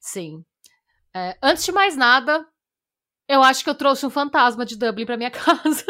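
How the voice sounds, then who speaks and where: A woman's voice: high-pitched, lively intonation, moderate pace, pushed and bright. A woman with a Brazilian Portuguese accent co-hosting a podcast, telling a story animatedly, laughing and tripping over her words. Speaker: podcast co-host. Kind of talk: casual storytelling chat.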